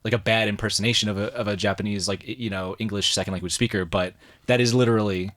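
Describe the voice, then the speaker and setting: A man with a fairly low voice hosts a casual podcast and works through a beginner lesson as the student. He is self-deprecating and scatters "like" through his sentences. He speaks into a close podcast mic. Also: steady tone, fast, fairly bright tone. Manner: self-deprecating, many "like" fillers. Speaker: podcast host.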